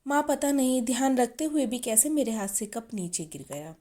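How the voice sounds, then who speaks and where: A woman's voice: fairly high pitch, lively intonation, normal speed, warm tone. A woman reading the lines of a young newlywed bride in a storybook, earnest and emotional. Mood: worried.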